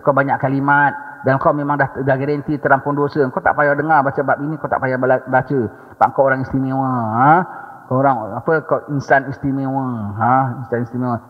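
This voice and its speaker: A man's voice: medium pitch, little pitch movement, brisk. A man with a Malaysian accent giving a religious lecture as a teacher, prodding listeners with rhetorical "ha?" questions and humorous asides. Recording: dull recording in a long-echoing hall.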